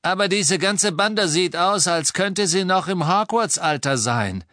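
A brusque male gang leader, a snatcher who talks down to his captives, as an audiobook narrator puts him on. The voice sits higher and louder than the narration, curt and sneering. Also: lively intonation, measured pace, no echo, studio quality, exaggerated voice. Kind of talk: audiobook character voice.

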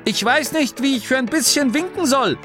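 A man voicing a literal-minded male gnome signaller who talks in a high, plaintive, fussy way. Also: normal speed, music in the background. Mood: fretful.

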